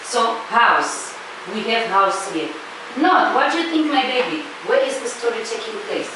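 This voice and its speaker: This primary school lesson is led by a Zimbabwean-accented woman whose fairly high voice swings widely in pitch at a moderate pace. She quizzes the pupils, pressing the questions and answers again and again. The indoor classroom echoes, picked up by a faraway mic with clearly audible noise.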